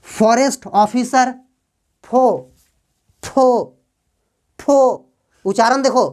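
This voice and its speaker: A woman teaching English grammar to a class, asking questions and answering them herself, and drawing out example words slowly. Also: fairly high pitch.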